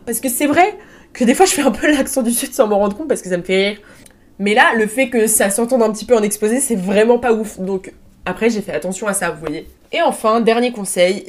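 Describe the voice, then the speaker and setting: A young woman hosting her own podcast, talking casually and informally with slang and plenty of fillers. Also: medium pitch. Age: young adult. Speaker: podcast host. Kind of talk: casual solo podcast talk. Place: room at home, seated on a chair.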